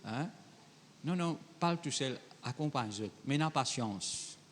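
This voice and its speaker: A man's voice: medium pitch, lively intonation, measured pace, in a large hall, slight background noise. A male pastor preaching a sermon in a conversational way, reading Bible verses and then talking straight to the congregation. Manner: conversational preaching, mixing French with Creole phrasing.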